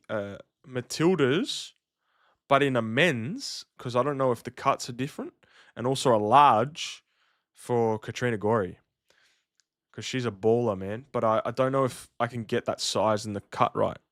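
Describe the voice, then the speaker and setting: A man's voice: medium pitch, moderate pace, fairly bright tone, no echo, clean studio sound. A man, chatting casually to livestream viewers in a slangy, matey way. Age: 30s. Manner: laid-back slangy, matey address. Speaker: livestream host.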